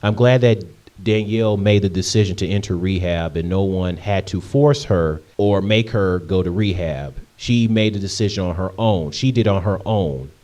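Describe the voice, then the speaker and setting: A young man in his late twenties with a lowish, mellow voice answers viewer questions in a relaxed vlog. He talks in a chatty, rambling way, repeating himself and filling pauses with ums. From Michigan, USA. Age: 20s. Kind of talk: casual Q&A vlog.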